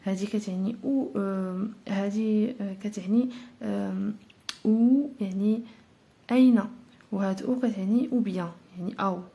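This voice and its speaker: A woman's voice: medium pitch, normal speed, creaky, mellow. Patient Moroccan woman teaching grammar. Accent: Moroccan Arabic. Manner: patient, step-by-step explaining with many fillers. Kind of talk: explaining a French grammar lesson.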